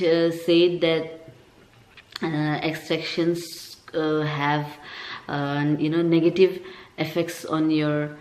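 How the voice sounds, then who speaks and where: A woman vlogger with a lisp, talking casually to viewers in a halting, hesitant way. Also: low-pitched, darkish tone. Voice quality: lisp from a dental appliance. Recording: echoey, roomy sound.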